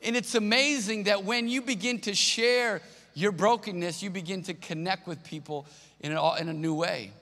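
A man's voice: high-pitched, normal speed, pushed and bright. A male pastor preaching a sermon, telling a personal story in an earnest way, repeating his key phrases and acting out the people he quotes. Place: church auditorium. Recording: long hall reverb.

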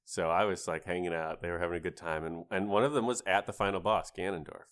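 Speaking fast and steadily, this male podcast co-host has a deep, low voice that is a bit bright, clear and resonant. He shares relaxed stories about gaming, swears without restraint, and indulges in playful, grandiose tangents.

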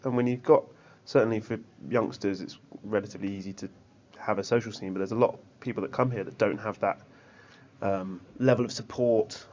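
A man's voice: mid-range voice, darkish tone. A man chatting casually and earnestly on a podcast. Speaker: football club volunteer and podcast guest. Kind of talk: casual chat. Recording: slightly dull, lo-fi sound.

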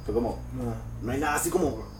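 A young man, co-hosting a casual podcast in a crude, sarcastic, animated way. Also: medium pitch, fast, reverberant, distant mic, background noise. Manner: crude, sarcastic and animated, slips into mocking voices. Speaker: podcast co-host.

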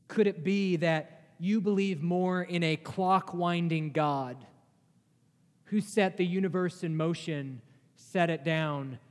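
A male pastor preaching a sermon, earnest, with rhetorical questions and emphatic rises in his delivery. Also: on the high side. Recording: long hall reverb.

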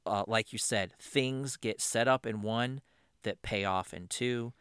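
Guy cohosting a podcast, crisp bright voice, dry sound, excited and cursing. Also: on the low side, a little slow, no room sound. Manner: animated, swears freely, laughs often. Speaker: podcast co-host. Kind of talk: casual chat.

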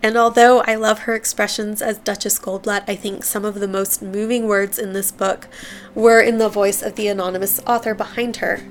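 A woman's voice: mid-range voice, little pitch movement, moderate pace, soft background music. A woman hosting a book podcast, reading excerpts aloud and then sharing heartfelt commentary that stumbles a little when she is moved.

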